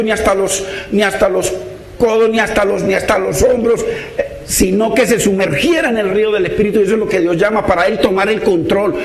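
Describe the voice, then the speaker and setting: A high-voiced man delivers a sermon, earnest and pleading, calling again and again to his brothers in faith and often repeating "hermano." His voice rings around an echoey room.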